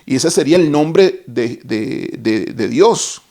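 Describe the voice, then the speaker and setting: A man's voice: mid-range voice, expressive, slow pace, dark tone. A man teaching a Bible lesson, explaining each term step by step and stopping to correct himself.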